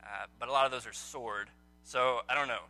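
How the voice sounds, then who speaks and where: Brisk, pushed, and bright, this medium-pitched male voice comes with soft music behind it. He's guiding an evening Bible study in an indoor room, talking informally to his small group, quizzing them, and filling gaps with "um."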